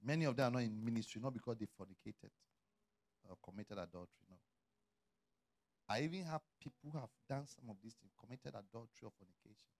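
A middle-aged man preaching a sermon as a pastor, swinging from quiet, low asides to loud shouted calls. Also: quick pace.

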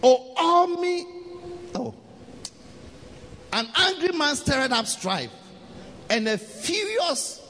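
A man with a strikingly high, animated voice delivers an emphatic sermon, swinging between shouted lines and quiet asides. The sound carries a long church-hall reverb with a faint noise floor. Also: very slow, pauses often. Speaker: preacher. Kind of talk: sermon with live interpretation.

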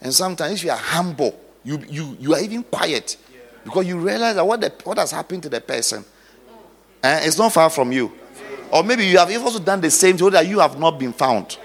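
Husky-voiced man preaching in a reverberant hall. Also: fairly high pitch, lively intonation, fairly quick. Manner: dramatic preaching, swings between hushed storytelling and loud exhortation. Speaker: pastor. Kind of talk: sermon.

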